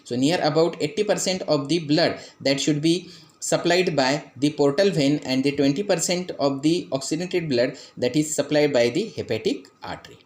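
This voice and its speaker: A man's voice: a little high, normal speed. A man with an Indian English accent teaching anatomy, pointing out parts on a model step by step, with frequent "that is" and "after then" phrasing. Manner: explains step by step, pointing out structures. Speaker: anatomy lecturer.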